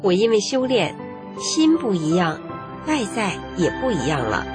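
A woman narrating her own life story in an earnest, measured way. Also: medium pitch, big pitch swings. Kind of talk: first-person testimony narration. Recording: long reverb with faint music.

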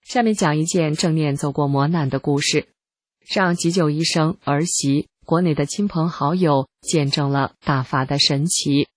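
A narrator calmly reading a first-person testimony article in steady scripted narration. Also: mid-range voice, moderate pace, no echo.

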